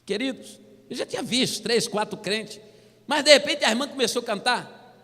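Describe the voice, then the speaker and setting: A Brazilian man tells his conversion story from the pulpit in a high, bright, forceful voice. His storytelling is lively and comic, and he keeps leaning in to the crowd with "brother." The sound rings with the long reverb of a church hall. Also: normal speed. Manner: animated storytelling, keeps calling listeners "brother". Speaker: testimony speaker. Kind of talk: humorous church testimony.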